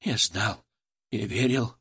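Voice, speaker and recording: A man's voice: on the low side, slow, fairly bright tone, husky, pitched below the performer's own voice, heavily acted. A man doing a mumbling flustered old man. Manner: mumbling, hesitant. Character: flustered gray-haired old man in broken glasses.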